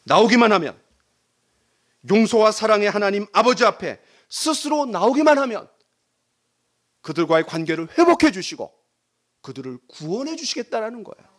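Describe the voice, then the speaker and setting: Male pastor preaching in church, high animated voice, dramatic delivery. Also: normal speed, long pauses. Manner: dramatic, acts out voices in quotes. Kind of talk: sermon. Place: church sanctuary.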